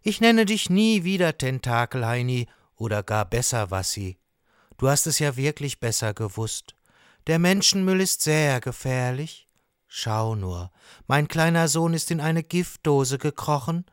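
A man's voice: sits high, steady tone, measured pace, smooth, no echo, clean studio sound, voice pushed up. Man doing a worried papa lobster. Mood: sad. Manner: pleading, anxious. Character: worried father lobster, sad and anxious.

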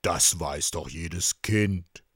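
A man voicing a wise old male octopus in a children's audio story, lecturing loudly. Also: sits low, drawn-out words, breathy edge, no room sound, studio quality, pitched below the performer's own voice, full character voice. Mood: grave. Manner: loud, lecturing.

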